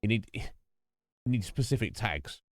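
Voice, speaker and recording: On a dry, studio-quality recording with soft background music, a livestream host speaks a little slowly in a lowish voice with lively intonation. He chats casually and rambles to his viewers through a desk microphone with a noise gate, often restarting his sentences.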